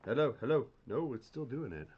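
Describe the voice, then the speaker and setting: A man's voice: medium pitch, big pitch swings, brisk, breathy edge. Man echoing as if in a cave. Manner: playful, testing his sound aloud. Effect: echo repeating his voice. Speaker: live streamer. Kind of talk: casual live stream chat. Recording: dull lo-fi stream audio.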